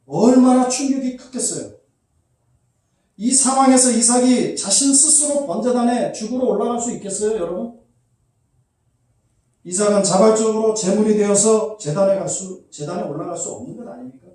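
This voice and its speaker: A male pastor preaches with a high but mellow voice that rings through a very echoey church hall. He sounds a little removed from the mic, as if it were set some way off in the room. He keeps putting questions to the congregation and slips into the voices of the people in the story. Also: moderate pace, distant mic. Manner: acts out quoted voices, asks the congregation questions. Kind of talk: sermon.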